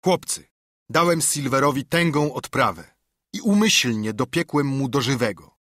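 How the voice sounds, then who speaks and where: A man's voice: mid-range voice, expressive, normal speed, a bit bright, no room sound, clean studio sound, lightly acted. A man voicing a proud, unyielding naval ship captain in a storybook reading, who speaks in a commanding, curt and scornful way. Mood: rallying.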